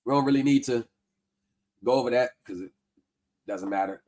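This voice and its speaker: In a relaxed explanatory stream, a man picks apart poor tax advice with a skeptical ear, reading lines from the form as he goes. He speaks at a moderate pace in a medium-pitched, slightly mellow voice.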